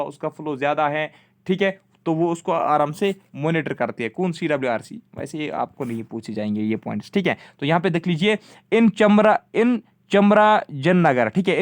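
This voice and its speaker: A young man teaching an exam-prep geography lesson, mixing Hindi and English, asking himself questions and answering, often repeating "ठीक है". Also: sits high. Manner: mixes Hindi with English terms.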